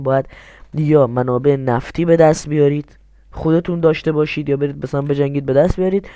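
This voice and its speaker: A young game tutorial host walks viewers step by step through a strategy game in a screen recording, asking himself questions and answering them. His voice is slightly high with a dark tone, recorded cleanly in a studio with no room sound.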